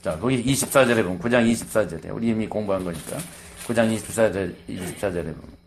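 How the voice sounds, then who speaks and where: A man's voice: fairly low pitch, fast talker, a little hiss or hum. A man preaching a sermon, explaining scripture in a conversational way and acting out quoted lines. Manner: animated, acts out quoted lines, conversational asides. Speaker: pastor.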